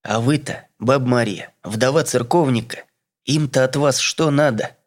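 A man's voice: medium pitch, unhurried, lightly acted. A man voicing a blunt, determined young woman who presses with direct questions. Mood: insistent.

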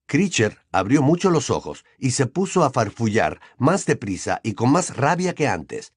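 A man narrating an audiobook with an expressive storytelling delivery. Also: medium pitch, a little slow, breathy edge, no room sound, clean studio sound. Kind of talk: scripted narration.

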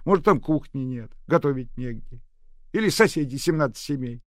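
A man's voice: medium pitch, expressive, moderate pace, no room sound, clean studio sound, voice pushed up, natural voice. A man voicing a fussy, grumbling old nanny woman in a read-aloud story. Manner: grumbling, mocking.

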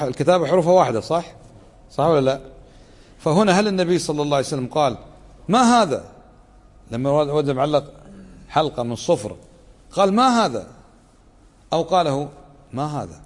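A man teaching a religious lesson, explaining a text in a conversational way, often asking the listeners to confirm and acting out tones of voice to show what they mean. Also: fairly high pitch. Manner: acts out tones of voice to show meaning. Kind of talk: lesson commentary. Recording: long hall reverb.

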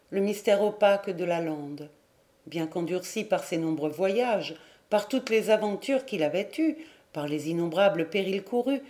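A woman narrating a novel as an audiobook reader, measured and dramatic. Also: medium pitch, dark tone. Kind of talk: literary narration.

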